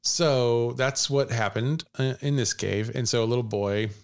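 A man's voice: medium pitch, unhurried, clear, resonant tone. A man hosting a podcast, telling a ghost story in casual chat, rambling and laughing often. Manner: laughing, rambling, puts on quoted voices.

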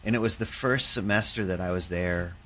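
A man, a painter, talking in a halting, reflective way, with many fillers and restarts. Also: deep voice, pushed and bright, slight background noise. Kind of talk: casual conversation.

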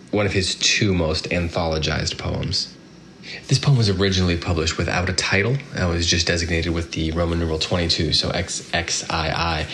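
A man with a very low, gravelly voice talks and reads as the host of a poetry podcast. His delivery is measured and thoughtful, with some halting. It is a hollow phone recording with faint noise behind it. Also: fairly bright tone. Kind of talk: poetry podcast talk with readings. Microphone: iPhone.

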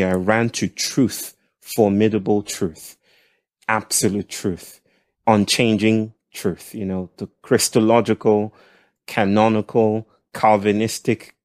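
A man with a nasal voice that sits on the low side. He talks as a podcast guest in a reflective, halting way, pausing often. The recording is dry and close. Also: no room sound. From Nigeria. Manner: thoughtful, halting, with soft laughs. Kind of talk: reflective conversational storytelling.

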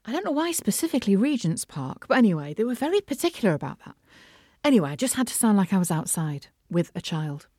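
A middle-aged woman with a Mancunian accent, hosting a casual solo podcast from her studio, chatty and animated. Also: mid-range voice, fast talker, no room sound. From Manchester, England. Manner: chatty and animated, laughs often. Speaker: podcast host and voiceover artist. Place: home studio.

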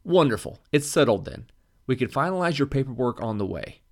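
A man voicing a courteous, polished middle-aged lawyer who talks in a formal, smooth and reassuring way. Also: medium pitch, very animated, a little fast, voice pushed up.

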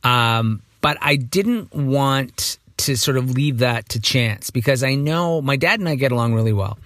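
Casting note: middle-aged male host, chatty and self-correcting, slightly hoarse, dry close sound. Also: mid-range voice, measured pace, a bit bright, no room sound. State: morning voice, a bit hoarse. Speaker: podcast host. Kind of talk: casual monologue.

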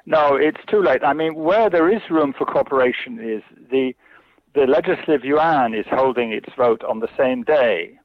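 Heard through a tinny phone line in a dry recording, this man talks at normal speed with a medium pitch. As a China specialist guest, he fields interview questions hesitantly, stumbling into fillers and restarts.

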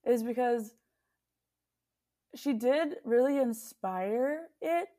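Chatty young woman, slightly high voice. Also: expressive, very slow, dark tone. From United States. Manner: chatty, many fillers and restarts. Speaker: singer-songwriter guest. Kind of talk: casual interview.

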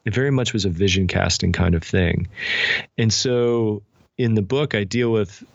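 A man with a lowish, creaky voice speaks at normal speed as an interview guest; he's an author and pastor. He explains ideas thoughtfully and conversationally, adding illustrative asides, and the recording is dull, lo-fi and dry.

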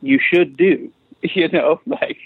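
Taking it slowly, a man with a slightly high, breathy-edged voice rambles through a casual interview, restarting often and using plenty of fillers. He's a guest musician in his forties, heard on a tinny phone-like remote line with no room sound.

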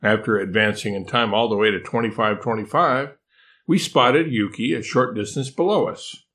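An older man reading a children's storybook chapter aloud as its narrator, unhurried and expressive. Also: on the low side. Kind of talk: scripted narration.

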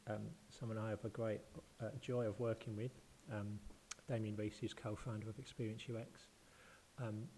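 A man's voice: fairly low pitch, warm tone, a little hiss or hum. A man hosting a podcast in a chatty, hesitant, self-deprecating way, in an open marble-floored room that echoes like a bathroom. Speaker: podcast host. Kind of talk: informal podcast talk.

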